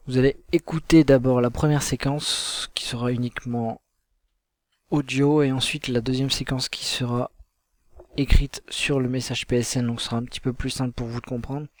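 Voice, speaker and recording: A man's voice: medium pitch, a little mellow, no echo. A man presenting clips in a casual narration style. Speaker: video presenter.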